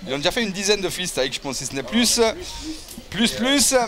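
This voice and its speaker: High-voiced jokey French talk show host. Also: male voice, sing-song, pushed and bright, faint music behind. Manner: jokey, swears casually, quick asides. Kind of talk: casual live talk show banter.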